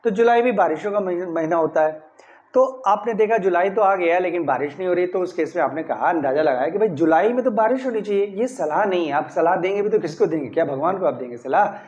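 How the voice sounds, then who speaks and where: Speaking fast in a high, darkish voice, this male English grammar teacher explains a point in classroom style, one step at a time. He leans on key words in example sentences and keeps checking in with "clear?" The audio is a bit dull and lo-fi.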